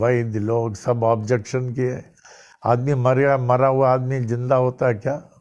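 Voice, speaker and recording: Man, spiritual teacher doing a devotional talk, slow and deliberate storytelling, mid-range voice. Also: mid-range voice, a little mellow. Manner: storytelling, repeats phrases, often says "look"; mixes in English phrases. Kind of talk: devotional discourse.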